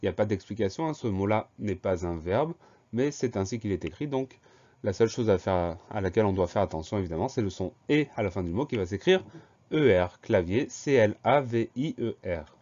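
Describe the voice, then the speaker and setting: Patient, low-voiced man spelling words aloud. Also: lively intonation, brisk, mellow, lo-fi sound. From France. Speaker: teacher. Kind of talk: spelling dictation lesson.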